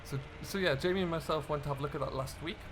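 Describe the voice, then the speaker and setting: A little high and racing along, the voice belongs to a British gaming host role-playing a farm contractor. He chats and thinks aloud in loose commentary as he works, while vehicle and ambient noise are plainly heard behind him.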